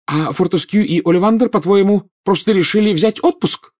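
A man's voice: medium pitch, expressive, fast, a little mellow, no room sound, clean studio sound, lightly acted. A man voicing a stern, anxious wizard mother who scolds her son. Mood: scolding. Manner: scolding, clipped.

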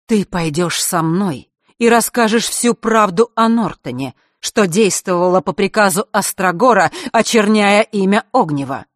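A woman voicing a commanding queen who speaks calmly and firmly. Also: mid-range voice, dry recording, clean studio sound. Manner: calm, firm, measured. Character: calm commanding female queen.

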